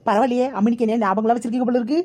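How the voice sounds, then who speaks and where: A woman's voice: on the high side, steady tone, darkish tone, a little hiss or hum, close to an everyday voice. A woman voicing a chatty, teasing married aunt in a cartoon comedy, speaking with a Kanyakumari Tamil accent. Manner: rapid, scolding back-and-forth.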